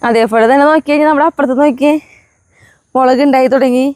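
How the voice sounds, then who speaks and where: Fast-talking, chatty Malayali woman vlogger. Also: high voice, fairly even intonation. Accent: Kerala Malayalam. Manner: chatty, frequent "kēṭṭō" asides to viewers; soft baby-talk when addressing her pets. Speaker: family vlogger. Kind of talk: casual vlog talk to camera.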